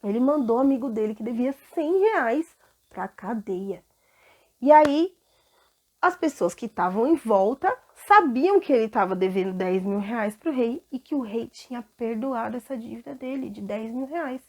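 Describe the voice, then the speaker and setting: A woman's voice: a little high, moderate pace. A woman with a Brazilian Portuguese accent, telling a Bible story to children and asking them questions. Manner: animated, asks children questions.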